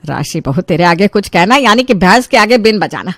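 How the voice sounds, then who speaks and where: A woman's voice: medium pitch, animated, normal speed, fairly bright tone, dry recording, studio quality. A woman voicing an exasperated, sarcastic middle-aged mother-in-law scolding her daughter-in-law in a cartoon story. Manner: nagging, sarcastic.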